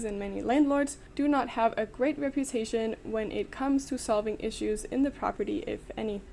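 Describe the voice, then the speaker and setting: A young woman from Denmark narrates an explainer for her vlog in an upbeat, clear, informative way. Her voice sits a little high but sounds mellow and warm. A faint hiss runs under the recording. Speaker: vlogger.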